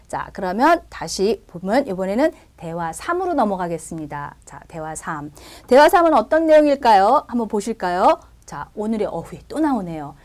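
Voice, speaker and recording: Woman language teacher with a lively, up-and-down voice, patient and step-by-step. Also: medium pitch, moderate pace, hardly any pauses. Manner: explains step by step, often checks with "그죠?". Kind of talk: recorded language lesson.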